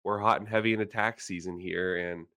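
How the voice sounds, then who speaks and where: Brief: male financial planner, host, slightly low voice, relaxed and wry. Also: a little fast. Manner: easygoing, self-deprecating humor. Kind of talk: casual podcast chat.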